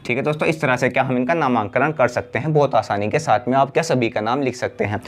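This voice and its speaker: A man teaching a class chemistry lesson. He asks the class questions and answers them himself, drawing out the key words slowly. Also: mid-range voice, a little hiss or hum. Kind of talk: blackboard lesson.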